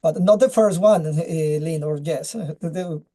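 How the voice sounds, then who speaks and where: Casting note: a man with a mellow voice, halting and restarting on a video call. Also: on the high side. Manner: halting, searches for words, many restarts. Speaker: webinar speaker. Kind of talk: casual presentation and chat.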